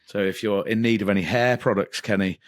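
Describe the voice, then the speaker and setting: Podcast cohost guy with a lowish voice, ribbing his mate, dry close sound. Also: fairly even intonation, a little fast, no room sound. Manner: teasing, jokey banter. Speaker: podcast co-host. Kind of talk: casual podcast chat. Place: indoor podcast studio, filmed.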